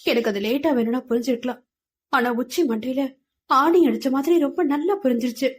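A woman's voice: high-pitched, a little fast, breathy edge. A woman playing a hurt, defiant young woman. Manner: emotional, pleading.

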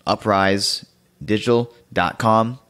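A man's voice: lowish voice, fairly even intonation, slow, a bit bright. A man hosting a podcast, chatting casually and laughing easily with his guest. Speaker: podcast host.

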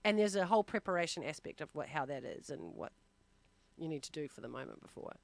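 A woman's voice: deep voice, expressive, fast, vocal fry. A woman guest on a radio interview, a presentation coach, talking in a chatty way with easy laughs and plenty of fillers.

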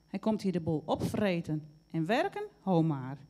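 A self-righteous storybook duck who lectures everyone with firm indignation, voiced by a woman. The tone is warm and mellow, a touch louder than plain reading. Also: lowish voice, very animated, normal speed. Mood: indignant. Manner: indignant and preachy.

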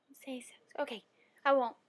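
A woman acting out herself as a little girl of six, eager and innocent, in a high, piping childish voice. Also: animated, slow, heavily acted.

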